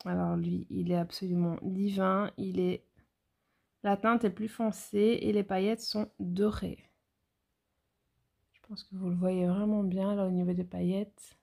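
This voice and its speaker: A woman's voice: medium pitch, flat delivery, measured pace, vocal fry, warm tone. A woman, a nail educator chatting casually through a product haul and speaking straight to her viewers with frequent hesitations.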